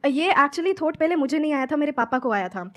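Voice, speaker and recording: A woman's voice: high voice, lively intonation, fairly quick, a bit bright. A young woman from Haryana, an English coach, earnestly answering audience questions on stage in mixed Hindi and English. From Haryana, India. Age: young adult. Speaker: guest speaker, English coach.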